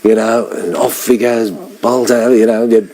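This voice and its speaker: An Australian man giving a dry, deadpan mock sports interview, rambling with lots of fillers. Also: on the low side, a little slow.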